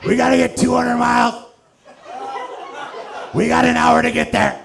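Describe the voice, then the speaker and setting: A man playing a frantic, meth-fueled trucker who yells with wired urgency, in a stand-up bit. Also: very high voice, level tone, moderate pace, gravelly, reverberant, crowd noise, background noise, pitched above the performer's own voice, full character voice. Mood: wired, yelling.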